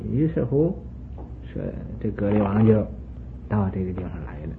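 A man's voice: fairly low pitch, normal speed. Man telling a Buddhist story over a tinny line. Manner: animated storytelling with asides. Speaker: Buddhist teacher. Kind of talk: storytelling sermon. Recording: tinny phone-like sound with faint hiss.

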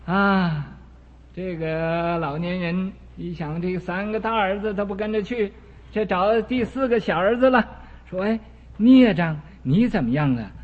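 A man preaching a Buddhist moral parable in a slow, storytelling way, with frequent drawn-out fillers and English words mixed in. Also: high-pitched. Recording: dull lo-fi recording in a reverberant hall.

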